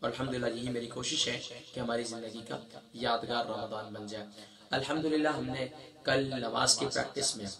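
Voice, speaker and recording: A man teaching a Quran recitation lesson, explaining mistakes quickly and then chanting the verses slowly and melodically. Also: medium pitch, fairly even intonation, vocal fry, crowd noise.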